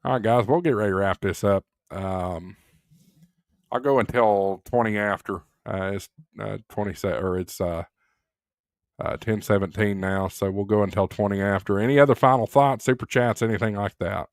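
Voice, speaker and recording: A man's voice: on the low side, moderate pace, no room sound, studio quality. A man hosting a casual live stream, chatting loosely with many fillers and reading viewer comments aloud.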